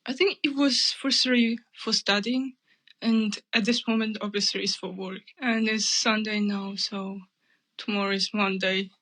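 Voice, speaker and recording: A woman from China calling into a livestream, relaxed and quick to laugh. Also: mid-range voice, rough recording. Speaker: caller. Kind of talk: casual chat.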